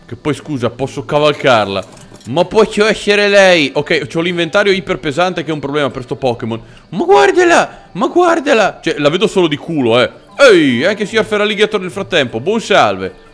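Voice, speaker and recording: Lively high-voiced man cursing through a game. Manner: excitable, swears a lot, chats with game creatures; jumps into squeaky cooing over cute creatures. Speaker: gaming channel host. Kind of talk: let's play gameplay commentary.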